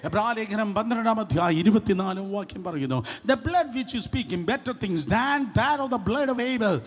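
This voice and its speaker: A male pastor preaching a charismatic sermon, calling out to the congregation, repeating phrases and swinging from shouts to hushed asides, with English phrases mixed in. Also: high-pitched, expressive, a little slow. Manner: shifts between loud shouting and hushed asides.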